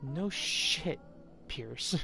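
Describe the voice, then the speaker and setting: A game streamer chatting live through a horror game, reacting and talking to viewers. The delivery is casual and loose, with frequent swearing, at an average pitch. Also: animated, extremely slow, vocal fry, background noise.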